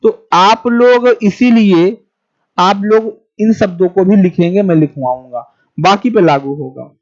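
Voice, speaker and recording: A man teaching an online exam class, speaking slowly and repeating key phrases for students to write down, and pausing to answer viewers' comments. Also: sits high. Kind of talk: live-streamed exam class. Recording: dull lo-fi sound.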